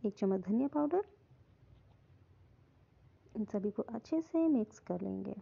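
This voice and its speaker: A woman calmly narrating a step-by-step recipe in her home kitchen. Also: medium pitch, measured pace, vocal fry. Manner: calm, instructive, repeats "hum" often. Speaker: cooking channel host. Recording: dull lo-fi phone audio.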